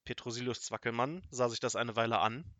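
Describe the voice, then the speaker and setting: Man, audiobook narrator, children's story, expressive, middle pitch, dry close recording. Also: brisk, no room sound.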